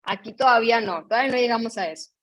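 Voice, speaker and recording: Speaking in a fairly high voice at a racing pace, this Mexican Spanish-accented woman runs an online workshop on emotional education. She explains carefully, keeps asking her listeners whether they're following, and narrates picture dialogues like a story.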